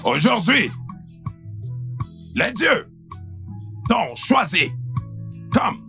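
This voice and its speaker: A man's voice: high voice, big pitch swings, drawn-out words, gravelly, sharp tone, soft background music, exaggerated voice. An actor dubbing a village elder who crowns a new king in a ceremonial, proclaiming manner. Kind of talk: dubbed film acting.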